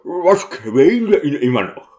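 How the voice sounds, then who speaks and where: Ein Mann, der einen aufbrausenden, sturen Diakon spricht, laut und beharrlich. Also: male voice, on the high side, very animated, slow, voice pushed up. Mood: pleading. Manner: loud, pleading and defiant. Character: burly hot-tempered male deacon, loud and stubborn.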